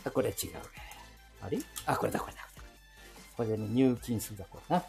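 Faint music plays behind a podcast host in his seventies as he walks outdoors and through a bank ATM booth, talking to himself in Nagoya dialect. He speaks fast at a medium pitch, with vocal fry and a little mellowness, rambling along with chuckles and asides.

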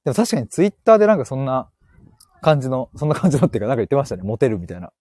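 A man's voice: mid-range voice, sing-song, very fast, darkish tone, no echo, studio quality. Playful man chatting on a live stream. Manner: playful, laughs often, joking. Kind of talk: casual live-stream chat reading listener comments. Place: outdoors, walking. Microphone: earphone mic.

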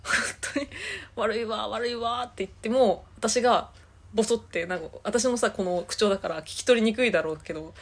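A woman's voice: medium pitch, quick pace. A woman, co-hosting a casual chat and telling a long story, acting out what people said. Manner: rambling storyteller, acts out quotes. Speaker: podcast co-host.

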